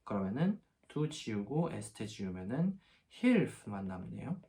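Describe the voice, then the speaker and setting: A man teaching a language lesson from a textbook, patiently explaining step by step and slowing down to spell out example phrases. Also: fairly low pitch, sing-song, vocal fry, dark tone.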